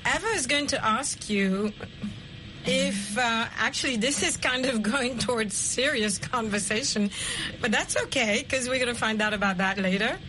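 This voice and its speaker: A middle-aged woman hosting an English practice chat, speaking slowly and clearly and repeating the learners' answers. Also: on the high side, background noise. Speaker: host leading an English conversation session. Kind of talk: encouraging language-practice chat.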